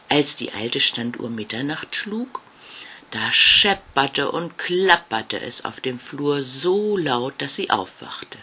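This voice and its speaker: A man reading a German children's bedtime story aloud, slow and expressive. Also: medium pitch, a little hiss or hum.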